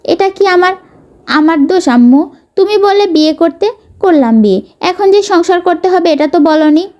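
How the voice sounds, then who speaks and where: A woman's voice: very high voice, lively intonation, moderate pace, dark tone. A woman voicing a confident young man who teases his mother playfully on the phone. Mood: teasing. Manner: playful, lightly teasing. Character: teasing young man, confident soldier son.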